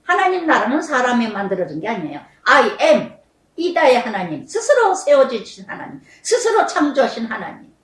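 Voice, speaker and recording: A middle-aged woman pastor preaching a sermon, emphatic, repeating phrases and swinging between loud and soft. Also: fairly high pitch, very animated, normal speed, echoey room, far from the mic, rough recording.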